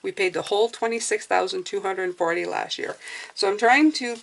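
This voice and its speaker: A hands-on vlogger talks casually through her budget in a medium-pitched voice at a moderate pace. Her clear aligners give her a whistling s, and the recording is rough.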